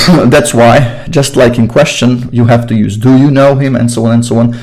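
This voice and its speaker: A man's voice: mid-range voice, fairly even intonation, moderate pace, darkish tone, poor audio. A young man with a Slovak accent, teaching English grammar in an informal, chatty online lesson and repeating his phrases.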